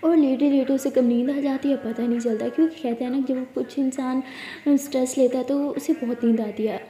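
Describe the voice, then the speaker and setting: A woman narrates a love story in a chatty, conversational way. Her voice is high and mellow, and a long reverb fills the room around her. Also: steady tone, a little fast.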